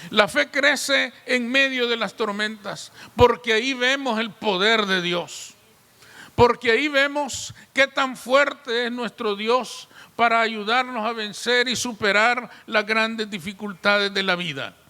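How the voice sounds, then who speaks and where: A man's voice: extremely high pitch, takes it slowly, sharp tone, big-room sound. A pastor preaching a sermon in a church, building his points with repeated rhetorical questions.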